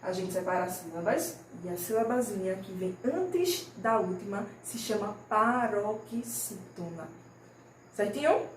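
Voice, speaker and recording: A woman primary school teacher gives a recorded lesson. She speaks patiently, stretches example words out slowly and keeps checking that the children follow. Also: medium pitch, expressive, distant mic. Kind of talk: recorded remote class lesson. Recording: roomy, from the mic, faint noise.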